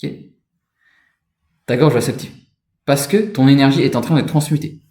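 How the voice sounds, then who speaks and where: A man's voice: medium pitch, animated, normal speed, a little mellow, roomy sound. A man giving an informal spoken lesson on energy and chakras, rambling and addressing the listener directly. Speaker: spiritual energy instructor.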